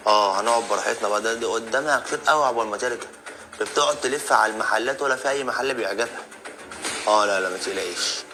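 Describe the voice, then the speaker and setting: A man's voice: on the low side, rapid-fire, sharp tone, a little hiss or hum. A man playing a sly, scheming husband. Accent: Egyptian Arabic. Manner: talks aloud to himself, sly and scheming. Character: cheating husband plotting behind his wife.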